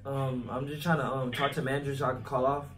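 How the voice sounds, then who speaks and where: A man's voice: medium pitch, flat delivery, fast. A young man on a casual prank call, hesitantly making excuses and faking being sick. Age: young adult. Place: small plain room indoors. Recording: distant mic, faint music behind.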